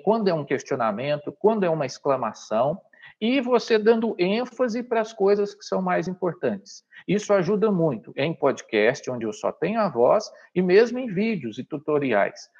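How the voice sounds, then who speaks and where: A Brazilian man teaches a live online workshop over a video call, with a fairly high, husky voice. He talks straight to his audience and checks in with "tá?" as he explains. The audio is dull and lo-fi. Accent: Brazilian Portuguese. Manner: explanatory, addresses the audience directly, frequent "tá?" checks.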